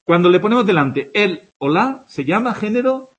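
A man with a Spanish accent from Spain teaches a grammar lesson, listing examples and checking that his students follow. His voice is a little high and breathy, and his pitch rises and falls a lot as he explains. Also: sing-song, normal speed, a bit bright.

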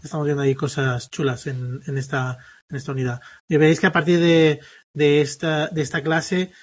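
Casting: husky male teacher, slightly high voice, patient and halting, lots of fillers. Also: flat delivery. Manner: patient, explaining step by step with many fillers. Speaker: English teacher. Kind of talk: classroom grammar explanation.

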